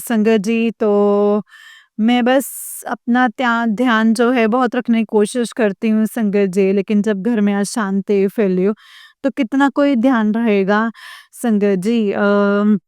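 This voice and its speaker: Woman, devotional testimony, slow and halting, very clear voice, dry close sound. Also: on the high side, no room sound. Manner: slow, halting, with many fillers and addresses to the congregation. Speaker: devotee sharing experiences with the congregation.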